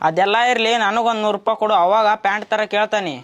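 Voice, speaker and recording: A man's voice: high-pitched, steady tone, fast, fairly bright tone, muffled recording. A young man playing a wheedling, defensive younger brother. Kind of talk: village short-film acting.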